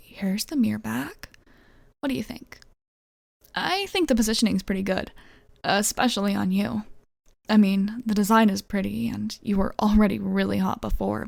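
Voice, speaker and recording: A woman playing a flirty, reassuring tattoo artist in a soft, casual ASMR role-play, slightly bashful and gently teasing. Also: medium pitch, creaky, dry recording. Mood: flirty, flustered.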